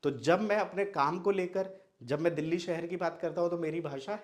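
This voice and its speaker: This is an explanatory online Hindi lesson from a young man from Madhubani, Bihar, India, whose first language is Maithili. His voice is a little high and moves at a moderate pace as he asks questions and answers them himself.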